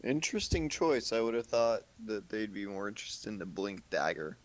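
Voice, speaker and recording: Guy co-casting a video game match, slightly low voice, measured and analytical. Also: very animated. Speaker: esports co-commentator.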